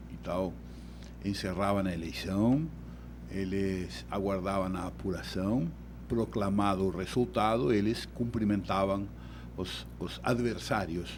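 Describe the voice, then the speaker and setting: Against a noisy background, a man from Uruguay speaks a little slowly in a lowish voice with a Uruguayan Spanish accent. He's a law professor guesting in a radio studio, explaining topics and frequently repeating words while gathering his thoughts.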